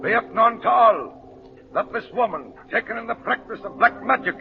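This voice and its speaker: An actor playing a stern, merciless official formally proclaiming a sentence in 1940s radio style. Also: male voice, extremely high pitch, normal speed, gravelly, a little hiss or hum. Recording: dull old radio recording.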